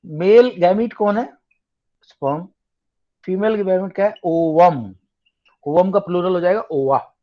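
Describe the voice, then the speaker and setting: A male tutor teaches a science class online, explaining in a blend of Hindi and English and putting questions to his students. His voice is high, his pace measured with long pauses, and the audio sounds dull.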